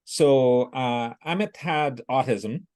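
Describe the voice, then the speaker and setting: A man's voice: medium pitch, slow pace, a little mellow. A middle-aged man talking as a podcast guest, explaining things plainly in casual interview chat. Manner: plain, explanatory, some restarts. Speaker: guest, business owner.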